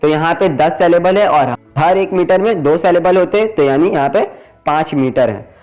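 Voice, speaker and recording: A man's voice: fairly high pitch, moderate pace, darkish tone, low-quality recording. A man teaching a lesson, explaining each term in two languages and counting syllables one by one.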